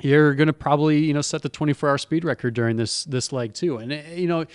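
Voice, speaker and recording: A man's voice: a little high, steady tone, fast talker, clean tone, no echo, clean studio sound. A man co-hosting a casual chat about sailing, talking with enthusiasm and often restarting his phrases. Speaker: co-host, former onboard reporter.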